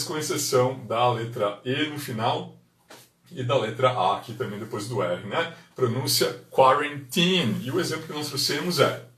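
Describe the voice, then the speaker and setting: A man from Brazil, hosting a live online English lesson, drilling words slowly and chatting with viewers. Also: medium pitch, fairly bright tone, far from the mic. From Concórdia, western Santa Catarina, Brazil. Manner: slow deliberate pronunciation drills, chatty asides to viewers. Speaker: English teacher hosting a livestream. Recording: echoey room, voice from away from the mic.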